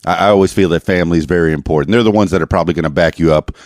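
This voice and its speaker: Low-voiced man hosting a podcast. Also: dry recording, clean studio sound. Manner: halting, filler-heavy, chuckling. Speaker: podcast host. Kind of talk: casual interview.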